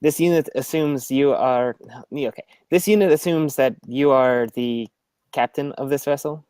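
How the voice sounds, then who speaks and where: Player putting on a stealthy robot AI, flat and clipped, third-person speech, dry close mic, tabletop role-play. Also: medium pitch, normal speed, smooth, no echo, lightly acted. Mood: terse. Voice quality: quiet, flat robotic delivery. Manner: speaks of itself in third person as "this unit". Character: stealthy robot AI stowaway, curt.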